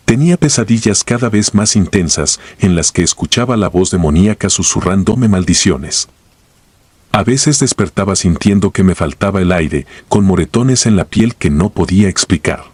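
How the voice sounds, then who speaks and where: A man narrating a first-person horror story in a grave, steady scripted delivery. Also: deep voice, husky, no room sound.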